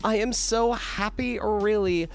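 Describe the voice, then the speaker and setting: A man's voice: sits high, slow pace, creaky, smooth, faint music behind, pitched above the performer's own voice, exaggerated voice. A man doing a gushing anime-mad tourist. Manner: gushing, sprinkled with Japanese words. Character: overexcited young male tourist obsessed with anime.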